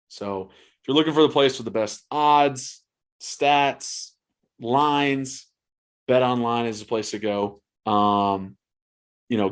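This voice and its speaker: Guy hosting a sports podcast, lowish voice, just talking casual. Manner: informal, conversational. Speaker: podcast host.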